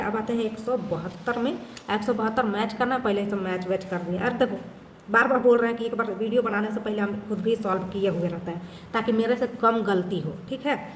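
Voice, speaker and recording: A woman teacher solving a test aloud in a casual way, reading statements slowly and then answering briskly, mixing in English terms. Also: medium pitch, a little mellow, a little hiss or hum. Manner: mixes English terms into her talk. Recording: echoey room with faint ambience.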